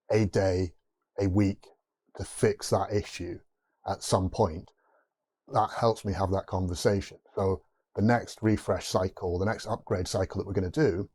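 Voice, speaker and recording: A Geordie man hosts a tech video, explaining things off the cuff. His voice sits low, with a mellow, warm tone. He rambles, restarts sentences and drops in asides like "you know" and "yeah?". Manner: rambling, restarts mid-thought, rhetorical asides. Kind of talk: unscripted explainer to camera.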